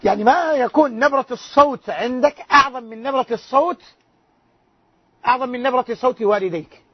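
A loud-voiced man teaching a religious lesson as a sheikh, quizzing his listeners with rhetorical questions. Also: very high voice, fairly quick, husky, dry recording. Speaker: sheikh teaching a hadith class. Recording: dull lo-fi lecture recording.

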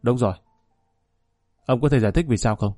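A man's voice: mid-range voice, brisk, warm tone, dry recording, studio quality, soft background music, close to an everyday voice. A man voicing a confident, careless young male banker who speaks in an offhand way. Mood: uneasy.

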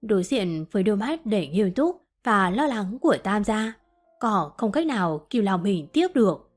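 A woman reading a romance novel aloud as an audiobook narrator, gently voicing both lovers' lines. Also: mid-range voice, big pitch swings, normal speed, faint music behind.

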